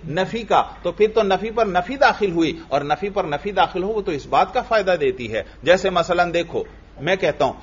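A man teaching Arabic grammar in a classroom lesson, reading the text in a slow chant and then explaining it and quizzing his students. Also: high-pitched, animated, breathy edge, dull audio.

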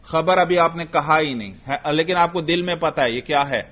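A man's voice: fairly high pitch, fairly bright tone. A man teaching an Arabic grammar lesson, firing questions at his students and answering them himself. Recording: dull lo-fi recording.

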